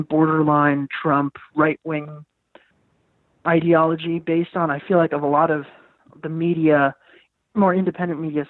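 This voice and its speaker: A man's voice: a little high, no room sound. A teenage man from New York calling in over the phone, talking earnestly and searching for his words. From New York, USA. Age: teens. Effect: heard over the phone. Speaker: caller. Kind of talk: casual call-in talk. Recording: tinny, breaking-up phone line.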